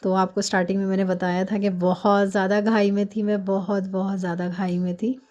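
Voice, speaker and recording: A woman doing a hurried, chatty cooking voice-over while fasting, explaining each step at home. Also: medium pitch, flat delivery, darkish tone, highs cut off. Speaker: home cook vlogger.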